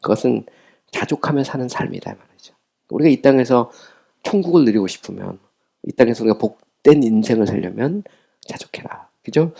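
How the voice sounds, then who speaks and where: A middle-aged man, a professor lecturing on a theology text who reads English lines slowly and explains them with tag questions. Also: medium pitch, gravelly, dark tone.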